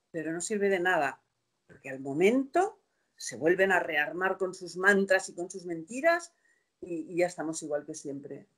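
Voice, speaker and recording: An older woman in her sixties, a guest on a video call interview, speaking in a passionate, indignant way full of rhetorical questions. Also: on the low side. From Spain. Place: room at home.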